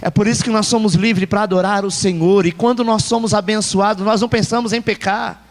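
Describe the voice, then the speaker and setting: A man's voice: high voice, steady tone, fairly quick. A male pastor with a Brazilian Portuguese accent preaching a sermon, emphatic and repeating key phrases. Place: church hall. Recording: long church hall reverb.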